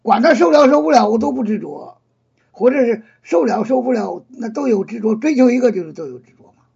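A man's voice: very high voice, expressive, a little fast, gravelly, a little mellow, husky, muffled recording. A man leading a casual Buddhist discussion, earnest and explaining, who often repeats and rephrases his points.

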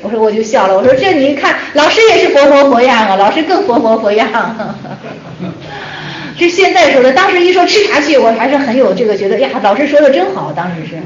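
Woman Buddhist teacher, brisk and conversational, echoey room on a dull lo-fi recording. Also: sits high, lively intonation, crowd noise. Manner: conversational, repeats phrases, asks herself questions. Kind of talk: lecture on Chan Buddhist texts.

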